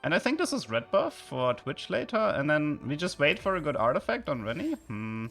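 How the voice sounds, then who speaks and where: With a German accent, a streamer from southern Germany comments on his game and talks to his audience, sometimes exploding with excitement. His voice is on the high side and creaky, his speed normal, and soft music plays behind.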